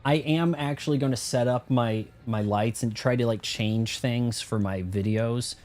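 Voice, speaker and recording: A man giving casual, slangy commentary as he plays a game, rambling and thinking out loud. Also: mid-range voice, a little slow. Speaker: video game streamer. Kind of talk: casual first-playthrough commentary.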